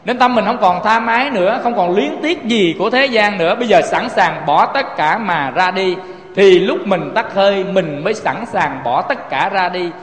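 A man with a Southern Vietnamese accent preaches a Buddhist sermon, posing rhetorical questions and addressing his listeners directly again and again. His voice is high-pitched and expressive at normal speed, in an echoey room with a long reverb tail.

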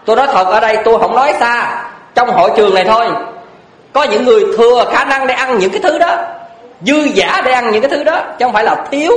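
In an echoey lecture hall, a Buddhist monk with a high, lively male voice preaches a dharma talk. He is earnest and blunt, driving his points home with rhetorical questions.

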